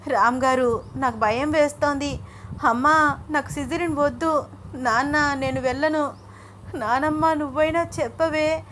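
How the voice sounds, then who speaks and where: A woman's voice: moderate pace, slight background noise, lightly acted. Woman doing an anxious young pregnant wife. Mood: frightened. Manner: pleading, breathless, high and loud.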